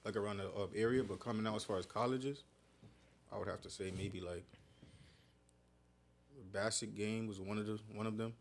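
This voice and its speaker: A young man from Connecticut, a guest on a podcast, chatting casually about his basketball past in a relaxed, slangy way. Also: lowish voice, moderate pace, gravelly, long pauses, a little hiss or hum. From Connecticut, USA. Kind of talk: casual conversational interview.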